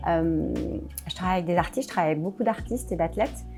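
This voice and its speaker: A woman's voice: lowish voice, fast talker, darkish tone, soft background music. A woman business coach chatting casually in an interview, hesitant with many fillers and restarts.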